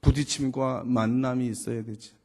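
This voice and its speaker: Delivering his sermon like a story, a pastor in his fifties poses rhetorical questions at a moderate pace. His slightly mellow voice shows little pitch movement, though it climbs in pitch and volume when he acts out dialogue.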